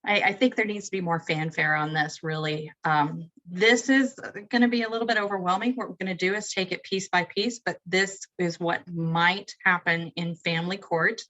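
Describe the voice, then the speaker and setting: A woman's voice: medium pitch, fairly quick, few pauses, fairly bright tone, rough recording. A woman presenting a webinar, methodically defining legal terms one after another. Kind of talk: webinar lesson.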